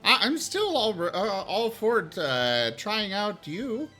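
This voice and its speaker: A man talks in character at a tabletop game. His voice is bright and swoops very widely in pitch, with music playing underneath. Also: big pitch swings, slow. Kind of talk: casual in-character role-play. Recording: background music.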